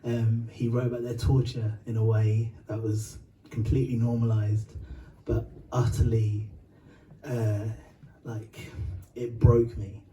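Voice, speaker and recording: A man's voice: medium pitch, flat delivery, slow pace, warm tone, distant mic, a little hiss or hum, rough recording. A man from Uganda and Britain telling a long, rambling story between songs, full of fillers, swearing and laughter.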